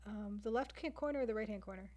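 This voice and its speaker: Drawing on stream, this game artist chats with viewers in a Canadian accent and muses aloud as she works. She talks fast, with a medium-pitched, dark-toned voice.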